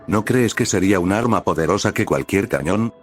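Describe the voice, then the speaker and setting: Annie: a cool, calculating young woman soldier, read by a man in a low, even voice with no attempt at a female tone and faint music beneath. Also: brisk, lightly acted.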